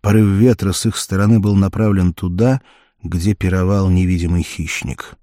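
A man reads an adventure story aloud in a steady, measured way. His voice sits very low and sounds warm and mellow. The recording is dry and close, with no room sound. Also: no echo. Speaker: audiobook narrator. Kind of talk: scripted narration.

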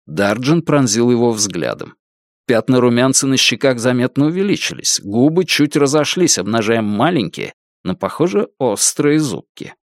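Man, audiobook narration, lively pitch, dry close mic, measured storytelling. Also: no room sound. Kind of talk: scripted narration.

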